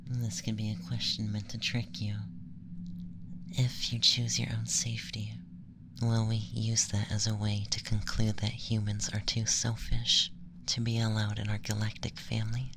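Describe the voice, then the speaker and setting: A performer plays an aloof alien femboy interrogator, whispering softly and slowly in an ASMR style with a deliberate, teasing, probing mood. The natural, mid-range voice stays completely flat in delivery, set against a noisy background.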